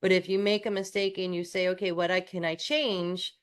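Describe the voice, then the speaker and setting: A woman's voice: on the low side, flat delivery, a little fast, clear, resonant tone. A woman from New York co-hosting a coaching podcast, chatting casually with restarts and self-deprecating asides.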